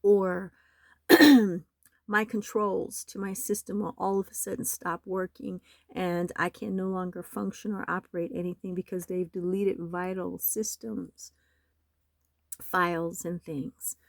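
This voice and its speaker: A hoarse woman with a slight cold, talking in a rambling, aggrieved and urgent way in a home vlog. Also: fairly low pitch, steady tone, unhurried, dry recording. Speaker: nonprofit website owner. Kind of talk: screen-recorded vlog. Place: home in the desert.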